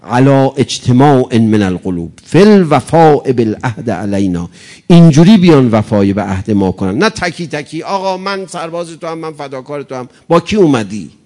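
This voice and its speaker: A man giving an impassioned mourning sermon, pleading with the congregation and swinging between loud exhortation and hushed lament. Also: mid-range voice, lively intonation. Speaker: preacher.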